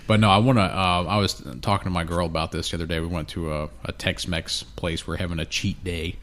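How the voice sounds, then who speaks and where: Deep-voiced laid-back man, a bit nasal. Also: fairly even intonation, fast, a bit bright. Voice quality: snotty, nasal. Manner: laid-back, profane, rambling. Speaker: podcast co-host. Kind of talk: casual chat. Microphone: studio mic with headphones.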